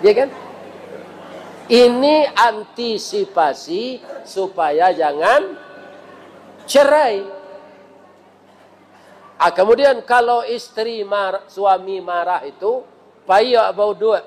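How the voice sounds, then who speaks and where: Minangkabau guy giving a sermon in a mosque, high-pitched, lots of "right?" questions to the crowd. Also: drawn-out words, pauses often, slight background noise. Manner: lively storytelling with frequent rhetorical questions. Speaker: preacher.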